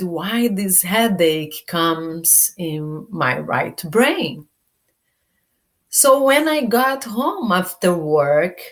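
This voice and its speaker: A Brazilian woman with a Brazilian Portuguese accent, working as a self-awareness coach, chats casually to the camera in a personal vlog. Her voice sits on the low side, and she speaks unhurriedly, searching for words and restarting often.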